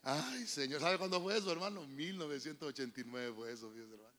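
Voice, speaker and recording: A man preaching as a pastor with a Honduran accent, telling folksy family stories and calling the listener "hermano", building to shouted preaching. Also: on the high side, quick pace. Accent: Honduran Spanish. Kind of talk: sermon with personal anecdotes. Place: church.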